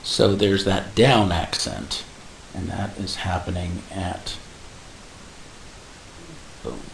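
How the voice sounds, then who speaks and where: Low gravelly man walking through animation steps. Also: level tone, slow. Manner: casual step-by-step explaining with fillers and sound effects like boom. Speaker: animation instructor. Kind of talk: screen-recorded software tutorial. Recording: echoey room with faint hiss.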